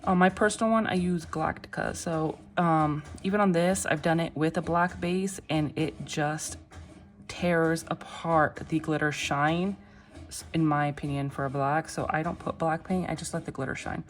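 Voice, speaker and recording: A woman giving a casual, step-by-step craft tutorial in a reassuring, unhurried way, often checking in, with machine noise behind her. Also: low-pitched, fairly even intonation. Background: machines running, clicking sounds.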